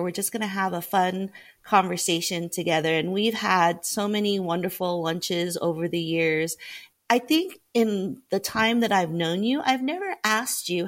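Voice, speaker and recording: A woman interviewer asking questions in a friendly, relaxed, conversational way. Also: lowish voice.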